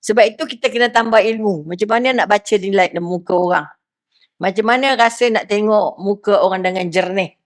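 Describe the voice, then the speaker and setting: A middle-aged woman with a Malaysian accent giving a lively religious lecture, often asking her listeners questions and acting out little quotes. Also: medium pitch, a little fast. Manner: lively, asks the crowd questions, acts out quotes. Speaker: preacher.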